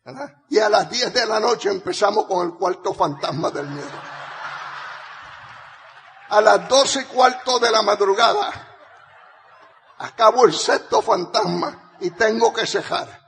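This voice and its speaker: An older man giving a lively motivational speech, telling stories to an audience, laughing often and rising to rallying shouts. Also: sits high, unhurried, creaky, pauses often, slightly rough. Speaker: motivational speaker. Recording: reverberant hall.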